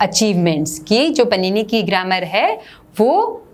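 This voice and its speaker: A woman, an English teacher in an online exam-prep lesson, who reads English text slowly and then explains it in casual, chatty Hindi. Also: medium pitch, sing-song.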